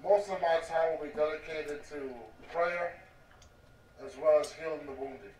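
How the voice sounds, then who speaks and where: A man playing a calm, devout male cleric healer with formal, measured speech through a voice changer filter. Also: fairly high pitch, echoey room, distant mic, rough recording. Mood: serene. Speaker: tabletop game player.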